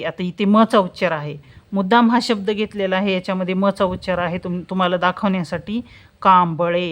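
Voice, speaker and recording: Woman teaching, drawing out words slowly. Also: mid-range voice. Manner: slow, drawn-out pronunciation of example words, asks questions and answers them herself. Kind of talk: spelling lesson, explaining step by step.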